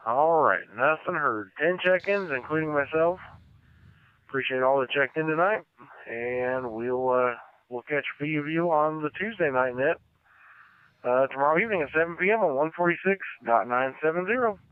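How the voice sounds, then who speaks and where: A man's voice: a little high, normal speed, clear, resonant tone, dry recording, phone-quality sound. An American man running a casual amateur radio net as controller, heard over a two-way radio transmission. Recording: band-limited, dry amateur radio audio.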